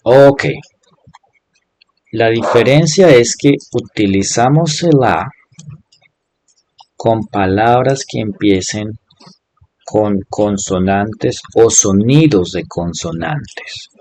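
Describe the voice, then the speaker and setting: A man's voice: mid-range voice, darkish tone. A man teaching an English class in Spanish, patiently explaining and repeating each example step by step. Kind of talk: online class instruction.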